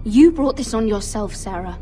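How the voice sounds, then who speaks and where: An actress playing a guarded, deferential young handmaiden in a video game drama, keeping herself controlled. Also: female voice, medium pitch, expressive, moderate pace, mellow, soft background music, close to an everyday voice. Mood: firm, cold. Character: guarded, self-possessed young handmaiden to a noble lady.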